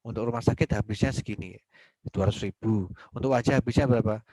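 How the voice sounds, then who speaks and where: A man's voice: on the low side, fast talker, darkish tone, dry recording, low-quality recording. A man giving a university law lecture in a conversational way, asking and answering his own questions and acting out little dialogues.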